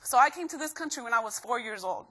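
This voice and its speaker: A young woman from Guatemala giving an energetic live motivational talk to students, constantly asking the crowd questions. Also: on the high side, quick pace. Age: young adult. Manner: energetic, keeps quizzing the crowd. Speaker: motivational speaker.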